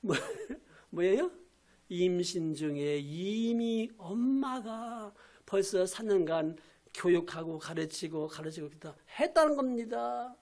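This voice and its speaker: An older man, a pastor emeritus, preaching a Sunday sermon with emphatic repetition, rhetorical questions and shouted quotes. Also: sits high, expressive, slow pace. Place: church sanctuary.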